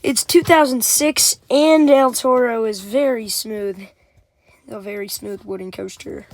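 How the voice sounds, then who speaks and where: A woman's voice: on the high side, a little slow, darkish tone, dry recording. A woman giving casual, blunt, nitpicking reaction commentary in short interjections. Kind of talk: casual debunking reaction commentary over a video.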